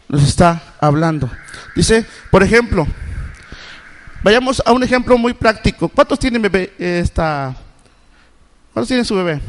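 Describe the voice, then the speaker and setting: A middle-aged man from Mexico preaching in church, his voice pitched high above most men's. He keeps putting questions to the congregation, breaking off and starting his sentences again. A long reverb from the church hangs on every word. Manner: asks the congregation repeated questions; halting, with many restarts. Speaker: Sunday school preacher. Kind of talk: sermon. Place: church sanctuary.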